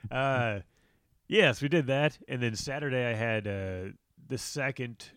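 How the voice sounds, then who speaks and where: A man's voice: medium pitch, unhurried, fairly bright tone, clear, resonant tone, dry recording, clean studio sound. A man telling stand-up gig stories in a casual chat, laughing often and acting out the people he quotes. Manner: loose, laughing storyteller who acts out quoted people. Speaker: stand-up comedian and podcast co-host.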